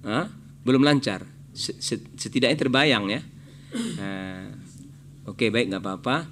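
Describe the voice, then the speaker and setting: A man judging a Quran memorization contest, gently coaching a child reciter and chanting short verses to show the right way. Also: lowish voice, a little slow, slight background noise. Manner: patient teaching tone, models recitation aloud. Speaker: competition judge. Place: radio studio.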